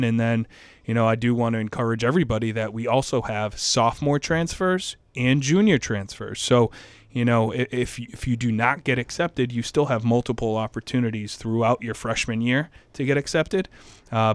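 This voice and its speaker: A middle-aged man, speaking as a high school administrator in an interview, energetic and passionate, often repeating himself. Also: smooth, dry recording. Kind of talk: interview answers.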